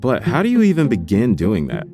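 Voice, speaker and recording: A man's voice: lowish voice, wildly swooping pitch, brisk, music in the background. A man from North Carolina hosting a narrated documentary podcast, telling it with wry, self-deprecating humor. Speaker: podcast host.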